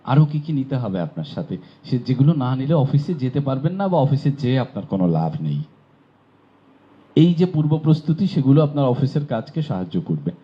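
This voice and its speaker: A man's voice: medium pitch, sing-song, a little fast. A man from Bangladesh teaching pronunciation in a classroom lecture, explaining patiently and asking rhetorical questions. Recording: dull lo-fi recording.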